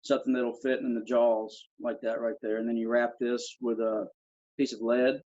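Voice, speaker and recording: A man teaching flintknapping gives a live step-by-step demonstration on a video call, using his hands as he talks in a practical way. He speaks at a moderate pace in a medium-pitched, slightly mellow voice with flat delivery, captured as lo-fi phone-mic audio.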